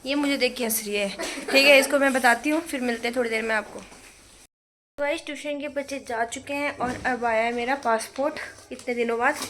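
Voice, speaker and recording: A young woman with a fairly high voice chats to her phone camera from home, casually mixing in English words. A faint hiss of room noise sits under her voice. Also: fairly even intonation, fairly quick, a bit bright. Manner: chatty, talks straight to camera, mixes English words. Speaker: vlogger and home tutor. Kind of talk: casual daily vlog. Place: home, indoors.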